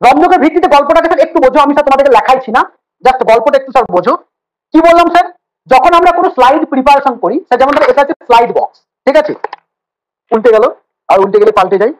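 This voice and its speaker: A man teaching a relaxed online biology class. He talks very fast, stacks up fillers and repeats points as he explains. He teases and jokes with his students as he goes. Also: extremely high pitch, poor audio. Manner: teasing, joking banter with students; rapid, repetitive explaining with fillers. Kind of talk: casual online class lecture.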